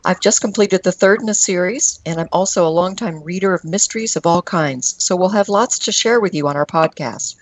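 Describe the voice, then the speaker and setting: Lower-voiced woman podcast interviewer. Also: brisk, hardly any pauses, poor audio.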